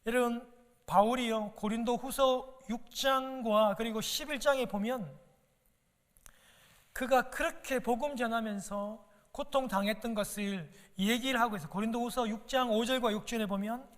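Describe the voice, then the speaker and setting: A male pastor with an extremely high, steady voice preaches a sermon at a moderate pace, emphatically repeating words and posing rhetorical questions. He is in a church sanctuary, and the recording carries the long reverb of a church hall.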